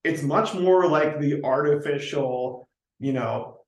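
A man co-hosting a podcast in casual chat, sardonic and quick to chime in. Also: on the high side, reverberant, low-quality recording. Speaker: podcast co-host.

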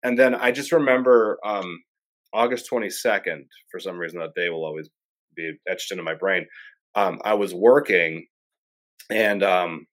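A man's voice: low-pitched, normal speed, a bit bright. A man, a filmmaker guest, telling a story in casual chat and acting out his own quotes.

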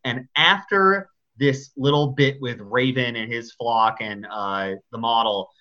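A man co-hosting a podcast in casual chat, animated, laughing often and swearing casually. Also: mid-range voice, unhurried, lo-fi sound. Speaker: podcast co-host.

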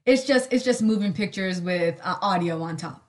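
A young woman hosting a solo podcast in casual chat, sarcastic and rambling, full of "like" and quick asides. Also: mid-range voice. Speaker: podcast host.

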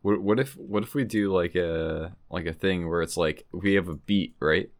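A man's voice: low voice, moderate pace. A man co-hosting a podcast in casual chat, hesitant with many ums and dry teasing, on a home mic over a call. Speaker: podcast co-host. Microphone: home mic over Discord call.

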